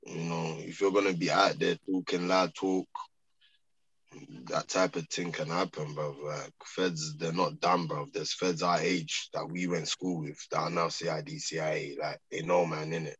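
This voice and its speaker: A man with a London accent and a raspy, forceful voice, chatting casually in streetwise slang with frequent tag questions. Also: rumbling low, flat delivery, moderate pace, no room sound, rough recording. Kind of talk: casual chat.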